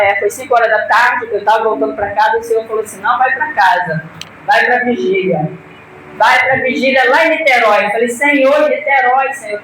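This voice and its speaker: Fervent Brazilian woman in echoey hall. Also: fairly high pitch. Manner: fervent, voice swelling to near-shouts. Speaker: church member giving testimony. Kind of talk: emotional religious testimony. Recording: echoey hall, distant mic, background noise.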